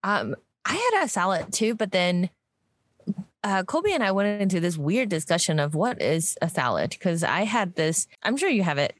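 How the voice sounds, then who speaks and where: A woman from the United States co-hosting a casual chat, playful and quick to laugh, teasing with questions. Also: fairly low pitch, big pitch swings. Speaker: podcast co-host.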